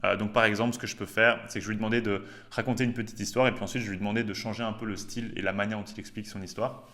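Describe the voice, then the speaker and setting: Chatty man with a low voice. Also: very fast. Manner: relaxed, chatty, slangy with frequent hesitations. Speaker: host. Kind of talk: casual tech demo to camera.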